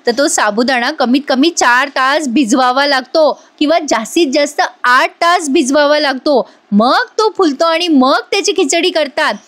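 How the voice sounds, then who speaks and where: A woman voicing a sensible household woman from a TV serial, explaining things kindly in a high voice. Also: moderate pace, few pauses, fairly bright tone.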